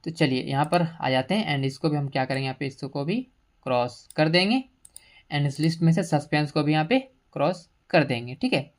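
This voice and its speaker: A woman with a low voice teaches a screen-recorded computer lesson. She explains each entry patiently and in order, mixing in English terms as she goes, and clicks can be heard as she works. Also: a little fast. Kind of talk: screen-recorded software tutorial.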